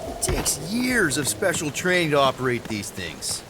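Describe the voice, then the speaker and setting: A man's voice: fairly high pitch, wildly swooping pitch, normal speed, background noise. An actor playing a cocky young male space adventurer who leads in a breezy, joking, upbeat way, in video game dialogue. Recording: game audio under loud rain.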